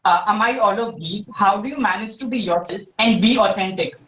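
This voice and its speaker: A man's voice: sits high, fairly quick, bright, forceful tone, reverberant, distant mic. A man asking a polite, formal question over a video call, his voice muffled as if heard through a wall. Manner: polite and formal, slightly hesitant.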